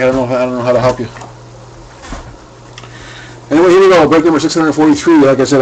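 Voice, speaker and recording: A man at a home desk runs a live card break, chatting loosely with plenty of filler words and restarts. His voice sits at a middling pitch. A faint hiss of room noise stays under the camera mic.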